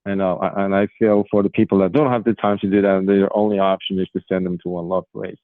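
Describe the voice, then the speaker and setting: A man in his forties from Morocco, giving earnest interview answers with frequent um pauses. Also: sits low, little pitch movement, no room sound. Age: 40s. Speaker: guest, pigeon racing federation official. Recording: tinny phone line, dry.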